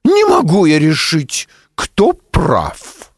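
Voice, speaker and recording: A man's voice: fairly high pitch, huge pitch swings, drawn-out words, dry recording, studio quality, heavily acted. A man voicing a clever, cautious little hare in a storybook reading, sly and thoughtful.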